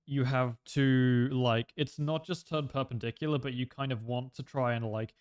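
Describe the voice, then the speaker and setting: A man's voice: mid-range voice, fairly even intonation, normal speed, smooth. A young man streaming a flight game, chatting casually and explaining tactics with lots of fillers. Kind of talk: casual gameplay commentary.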